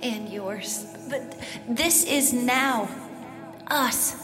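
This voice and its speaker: A woman's voice: fairly high pitch, very slow. A woman playing a devoted, playful young woman, earnest and teasing. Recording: echoey with music.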